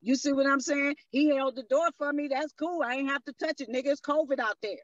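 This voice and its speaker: A high-pitched woman holding forth as a radio guest, emphatic and blunt, with a dry, slightly dull studio sound. She talks in a loose street style and keeps checking that she is understood. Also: fairly even intonation, brisk, no echo. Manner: emphatic, street-talking, repeats "you see what I'm saying". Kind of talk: casual radio talk.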